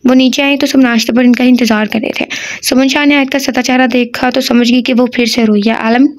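A woman's voice: high-pitched, fairly even intonation, brisk. A woman reading an audio novel aloud, breaking off now and then for chatty asides to her listeners.

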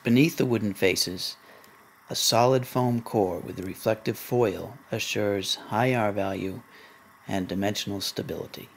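A male narrator with a lowish, creaky voice reads a scripted promotional voice-over. He keeps his delivery even and measured, and a faint hiss runs underneath.

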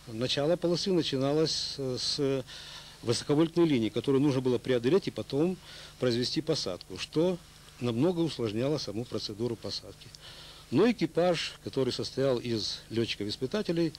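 An older man gives a formal account in measured phrases broken by pauses. His voice is mid-pitched, recorded on a handheld microphone outdoors with some ambient noise. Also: a little mellow. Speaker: aviation veteran being interviewed. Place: outdoors on an airfield. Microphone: handheld interview microphone.

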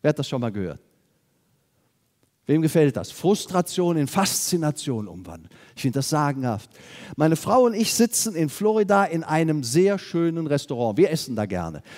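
Lively German seminar speaker in a hall. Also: male voice, fairly high pitch, normal speed. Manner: lively storytelling, rhetorical questions. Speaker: sales trainer. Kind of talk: seminar talk to a live audience.

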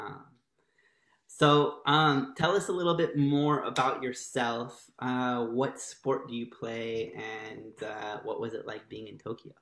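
A young man from Maryland hosting a casual video call interview, upbeat and laughing, talking in quick bursts. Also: mid-range voice, gravelly, fairly bright tone. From Maryland, United States. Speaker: host. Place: home room. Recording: roomy video call audio.

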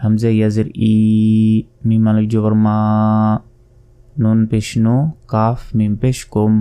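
A man with a Bangladeshi Bengali accent teaching Quran recitation, patiently spelling out each letter and drawing the words out slowly. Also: lowish voice, completely flat delivery, dark tone, clean tone.

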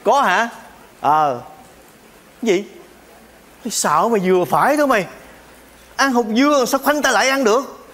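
An actor playing a teasing, easily exasperated man in a stage comedy sketch, full of loud exclamations. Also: very high-pitched, moderate pace, pauses often. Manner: exclaims often, teasing banter.

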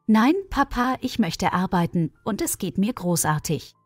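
A quiet, resolute young village woman who is expecting a baby , as a female storyteller voices her. She speaks softly and earnestly, with a lively, rising and falling voice. The sound is close and dry. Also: medium pitch, a little slow, no room sound, faint music behind. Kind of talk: storybook reading.

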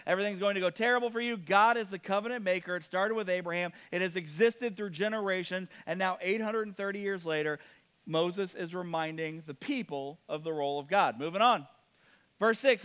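A man in his thirties preaching, his voice sitting high and carrying with a smooth, resonant tone. He teases the congregation with joking asides as he reads and explains scripture. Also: fairly bright tone. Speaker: pastor. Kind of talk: sermon. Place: church.

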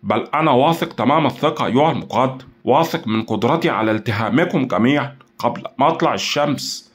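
A man's voice: mid-range voice, animated, fast, pitched above the performer's own voice, natural voice. A man playing a scheming, arrogant male villain in an audio drama, talking in a mocking, boastful tone. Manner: sneering, taunting, boastful.

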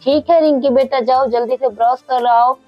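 A woman voicing a caring young wife and mother who speaks briskly and scolds fondly, in a doll story. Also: high-pitched, fairly even intonation, muffled recording, faint music behind.

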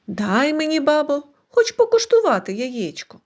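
A woman plays a meek, put-upon old grandpa from a folk tale, spoken much like the storyteller's own voice. The delivery stays lively and high, with a wide swing of pitch. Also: normal speed. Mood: plain.

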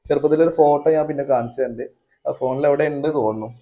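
A man's voice: medium pitch, very fast, phone-quality sound. A man doing casual vlog narration outdoors behind a house, chatty and talking straight to viewers with teasing asides. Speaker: family vlogger cooking.

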